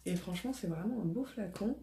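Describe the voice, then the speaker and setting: A woman's voice: medium pitch, lively intonation, fairly quick, vocal fry. A woman, hesitant and chatty in a casual beauty haul video, with many fillers. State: slight cough after illness. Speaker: beauty vlogger. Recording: echoey room, faint noise.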